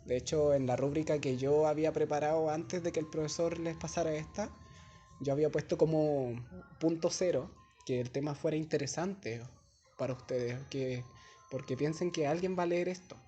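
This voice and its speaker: A man's voice: a little high, normal speed, warm tone, muffled recording, a little hiss or hum. Young Chilean man as a teaching assistant, loose and rambling, slang-heavy, captured on a phone in class. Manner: chatty and digressive, with casual slang. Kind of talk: informal classroom explanation. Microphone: phone held by a student.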